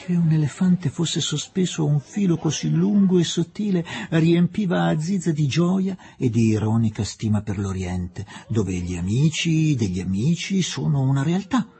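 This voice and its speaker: Narratore espressivo dalla voce calda. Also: male voice, on the high side, lively intonation, moderate pace, gravelly, hardly any pauses, mellow. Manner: dramatic, varied delivery. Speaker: audiobook reader. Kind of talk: expressive literary narration.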